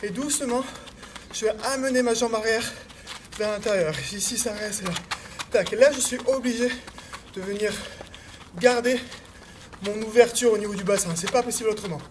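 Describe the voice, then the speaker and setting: A man's voice: high voice, moderate pace, pauses often. A man coaching a cardio workout while doing it himself. He hesitates with many fillers, counts beats aloud, urges more speed and sounds a little out of breath. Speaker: fitness coach. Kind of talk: workout instruction while exercising. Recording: noisy recording with clicks.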